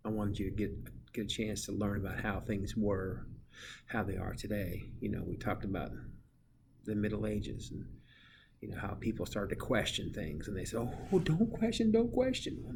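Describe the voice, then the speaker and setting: A man's voice: lively intonation, normal speed, gravelly, noisy background. A male social studies teacher sitting alone in an empty classroom, giving a rambling farewell to his students in a goofy, casual way. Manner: goofy, rambling, playfully mimics students in high voices.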